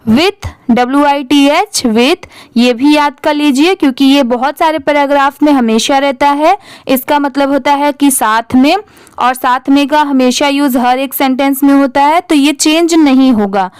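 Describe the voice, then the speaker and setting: High-voiced woman teaching English reading in Hindi. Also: measured pace, no room sound. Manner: patient, repeats each word and asks the class to say it back. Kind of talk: spelling out English words letter by letter in Hindi.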